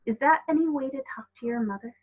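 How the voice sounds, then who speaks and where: Woman voicing the Other Mother, sinister and sugary, slightly husky. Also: high-pitched, fast talker, phone-quality sound, voice pushed up. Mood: chiding. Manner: sugary, coaxing, politely condescending. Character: sinister button-eyed other mother, sweetly controlling creature.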